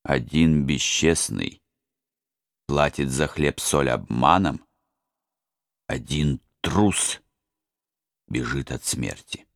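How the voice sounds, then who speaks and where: A man's voice: rumbling low, animated, extremely slow, gravelly, pauses often, dry recording, clean studio sound, full character voice. Man reading a resolute young prince. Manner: quiet, firm, hushed farewell.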